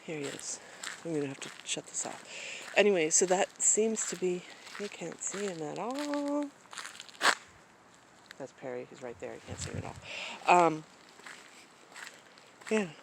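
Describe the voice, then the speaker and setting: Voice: mid-range voice, expressive, moderate pace, gravelly, long pauses, noisy background. A vlogger talking casually into a phone camera at home, rambling with lots of fillers and restarts. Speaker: travel vlogger.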